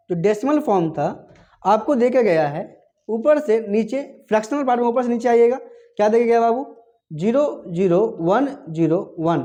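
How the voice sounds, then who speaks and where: A male teacher lectures a classroom in a high-pitched, mellow voice. He uses call-and-response questioning, answering his own questions, and chants times tables aloud.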